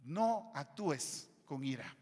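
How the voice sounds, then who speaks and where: A male pastor preaching a sermon, switching between loud emphatic lines and quiet low asides. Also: very animated, slow pace. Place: church hall. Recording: long church hall reverb.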